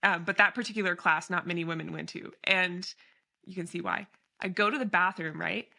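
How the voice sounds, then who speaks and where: A woman hosting a podcast, chatting casually in an animated way, laughing easily and using lots of fillers. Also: on the low side, a little fast, vocal fry. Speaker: podcast host.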